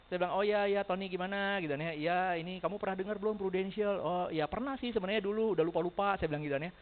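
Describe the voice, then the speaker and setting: A man telling lively stories to a sales team as a motivational speaker, acting out dialogue and laughing often. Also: high voice, quick pace. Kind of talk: storytelling talk to a sales team. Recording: tinny phone-like sound.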